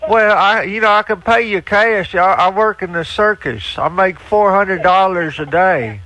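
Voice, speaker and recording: A man's voice: high voice, a little slow, pushed and bright, rough recording. A man voicing a dim-witted, whiny little-brother character in a prank call, stammering and repeating words in broken grammar with a dopey cartoonish voice. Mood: dim, earnest.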